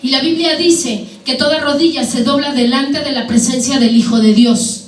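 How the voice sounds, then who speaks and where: Woman preacher, high voice, echoey hall, sermon with questions to the congregation. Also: moderate pace. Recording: echoey hall, mic at a distance, faint background noise.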